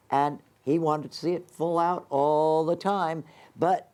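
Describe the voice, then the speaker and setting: A man's voice: medium pitch, a little mellow. An older man, a retired dancer on a panel, recalling the old days in a matter-of-fact way. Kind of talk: casual panel reminiscence.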